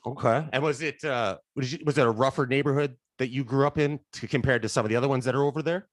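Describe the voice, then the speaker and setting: Speaking at a quick pace with a medium-pitched voice, a Canadian podcast host opens the show and asks questions in a friendly, casual way, with plenty of fillers. The recording is dry and studio-clean.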